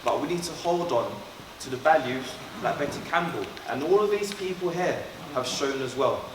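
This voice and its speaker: A man's voice: a little high, expressive, normal speed. Man giving a school assembly in an echoey hall. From born in Trinidad, raised in London. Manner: earnest, instructive, speaks directly to pupils. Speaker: school staff member leading assembly. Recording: echoey hall, far from mic, background noise.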